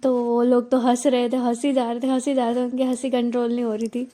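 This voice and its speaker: A woman narrating a love story in a lively, chatty way. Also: a little high, a little fast.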